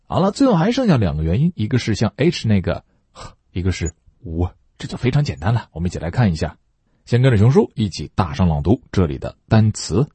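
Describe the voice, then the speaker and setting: A man's voice: on the low side, very animated, brisk, warm tone, slightly rough, dry recording. A man teaching English pronunciation, explaining patiently and stretching out demonstration words for students to repeat. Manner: patient, chatty explaining between drills. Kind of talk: phonetics lesson with repeat-after-me drills.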